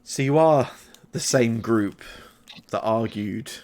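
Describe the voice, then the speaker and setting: A man voicing a calm, ancient mother goddess in a tabletop game, with measured and formal phrasing. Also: mid-range voice. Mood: measured, knowing. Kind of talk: tabletop role-play.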